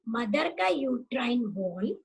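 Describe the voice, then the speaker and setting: Slow, high-voiced woman teaching. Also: sing-song, creaky, husky, low-quality recording. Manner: patient, repeats key terms and checks understanding. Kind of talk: online class lecture mixing Hindi and English.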